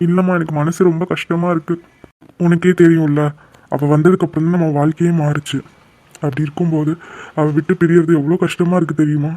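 A man's voice: a little high, flat delivery, brisk, warm tone, natural voice. A man voicing a loving father in a cartoon, crying over his daughter. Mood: grieving. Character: grieving loving father, emotional. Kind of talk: cartoon voice acting.

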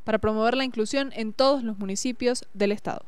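Reportera venezolana de ritmo ágil. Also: female voice, on the high side, fast. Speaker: news reporter. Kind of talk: scripted news narration.

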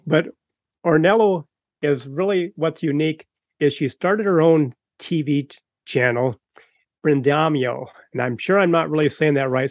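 Hosting from home via video call, this fifty-something podcaster opens the show eagerly, speaking earnestly but wandering and frequently restarting. His pitch sits on the high side, his tone is somewhat dark, and there's no room sound at all.

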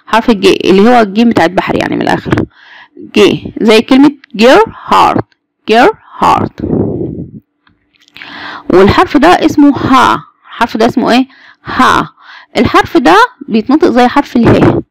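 A woman's voice: fairly high pitch, expressive, a little fast, gravelly, long pauses, dry recording. A woman with an Egyptian Arabic accent teaching German letters to a class, patiently repeating each sound and asking the students questions. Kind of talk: Egyptian Arabic alphabet lesson.

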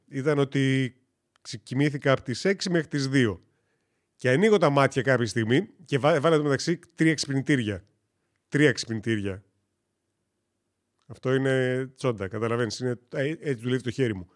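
A man from Greece chatting casually on a gaming live stream, rambling and joking as he tells stories and corrects himself. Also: medium pitch.

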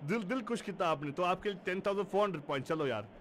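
A man's voice: sits high, very fast, fairly bright tone, slight background noise. A man hosting a call-in radio show, teasing callers and mixing Hindi with English. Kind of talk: playful call-in radio banter.

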